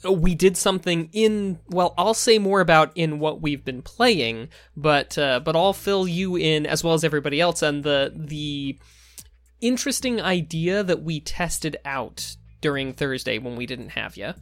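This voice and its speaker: A man's voice: fairly high pitch, measured pace, a bit bright, dry recording, soft background music. A man co-hosting a podcast in casual chat, explaining things in a hesitant, rambling way. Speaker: podcast co-host.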